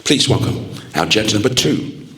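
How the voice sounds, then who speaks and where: A man working as an event MC, reading formal introductions haltingly, with hesitations and restarts. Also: on the low side, animated, fairly bright tone, a little hiss or hum. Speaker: event MC introducing pageant judges. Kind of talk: formal scripted announcing.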